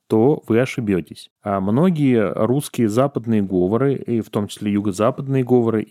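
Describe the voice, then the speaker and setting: A man's voice: mid-range voice, warm tone, dry recording, studio quality. A man giving an erudite explanatory lecture in Russian dialectology, with conversational asides.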